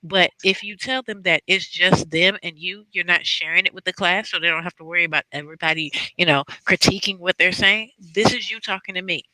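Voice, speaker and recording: A man's voice: sits high, brisk, hardly any pauses, no echo, rough recording. A man who works in special education, speaking emphatically on a conference panel about classroom tools. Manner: animated, emphatic, laughs.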